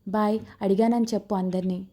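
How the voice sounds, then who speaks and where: A warm-hearted, joking young man who looks out for others, from a spoken storybook romance, read by a woman narrator. His voice stays mellow and gentle. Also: mid-range voice, fairly even intonation, brisk, lightly acted. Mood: caring. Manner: caring, joking. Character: caring older-brother type young man.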